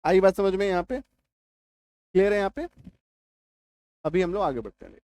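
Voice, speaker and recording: A man teaching a lesson patiently. He repeats points, drills sounds slowly and keeps checking whether listeners follow. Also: high-pitched, animated, a little mellow, no room sound. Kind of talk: explanatory classroom-style lesson.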